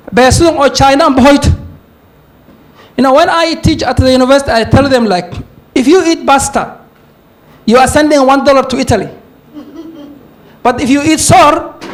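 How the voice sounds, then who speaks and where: A man from Somalia with a Somali accent, giving an emphatic forum talk as a university lecturer and switching between English and Somali. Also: very high voice. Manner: emphatic lecturing, with asides and chuckles.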